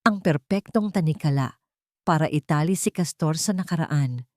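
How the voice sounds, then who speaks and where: A woman with a Filipino accent voices a scheming, venomous rich villain in a dramatic audio storybook, menacing, taunting and calculated, full of cold scorn. Her natural voice sits low and is a little mellow, at a moderate pace. The studio sound is clean with no echo.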